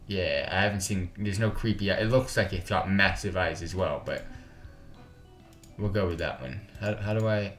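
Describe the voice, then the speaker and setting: A man with a fairly low voice rambles through let's-play commentary, restarting sentences and thinking aloud. Faint game music sits quietly behind him. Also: moderate pace, roomy sound. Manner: casual, rambling, self-correcting. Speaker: gaming YouTuber.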